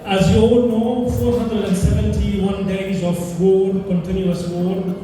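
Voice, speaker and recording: A man from Palestine, a doctor, giving an earnest, measured speech at a fundraising dinner, pausing often. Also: high-pitched, level tone, warm tone, faint music behind. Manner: earnest, measured delivery with frequent pauses and fillers. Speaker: charity dinner speaker, doctor. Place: large indoor hall. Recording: echoey hall, distant mic, noisy.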